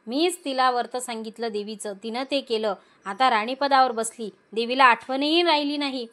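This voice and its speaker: A woman's voice: fairly high pitch, normal speed, pushed and bright. A woman voicing an old beggar woman who is a goddess in disguise, coughing between words as she scolds. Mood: indignant.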